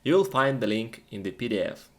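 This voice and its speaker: With a mid-range, sing-song voice and a fairly quick pace, a man co-hosts a lesson teaching English. He chats with learners through questions and answers, sticking to short sentences in simple, plain language.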